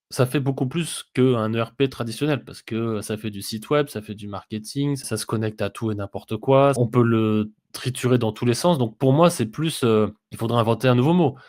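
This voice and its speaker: A man co-hosting a business podcast, explaining things steadily and pausing often with filler sounds. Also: mid-range voice, darkish tone. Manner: hesitant, many "heu" fillers, explanatory. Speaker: podcast co-host, business software consultant. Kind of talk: casual business podcast discussion.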